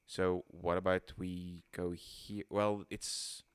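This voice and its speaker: A man guiding a casual streamed tabletop game, rambling and halting with many restarts. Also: low voice, level tone, clear, resonant tone, no room sound, studio quality. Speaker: game facilitator.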